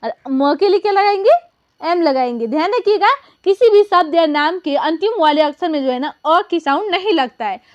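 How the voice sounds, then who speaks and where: A woman teaching beginners to spell words, spelling them out slowly letter by letter. She asks the class questions, answers them herself, and keeps repeating the same filler phrases. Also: very high-pitched, lively intonation, no echo, muffled recording. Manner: repeats "तो देखिए" and "जो है ना" often. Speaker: English teacher.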